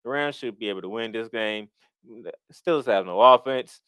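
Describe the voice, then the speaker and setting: A man's voice: lowish voice, moderate pace, fairly bright tone, smooth, no room sound. A man hosting a sports podcast as a fan, sounding disgruntled and complaining, emphatic and then dropping into asides. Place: podcast recorded in Florida.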